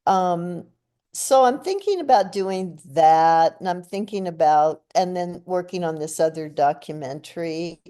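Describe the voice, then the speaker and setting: A woman's voice: on the low side, lively intonation, unhurried, mellow. An older woman giving an interview in an informal, chatty way. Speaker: interview guest. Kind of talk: casual chat.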